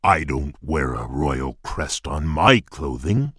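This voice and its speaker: A courtly fairy-tale beast prince for a video game, with a deep and heavily husky voice. He speaks slowly and formally, gruff yet shy and earnest. The sound is close and dry. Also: sing-song, fairly bright tone, no room sound, exaggerated voice. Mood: courteous. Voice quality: husky, deep, gravelly rumble. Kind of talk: video game character voice lines.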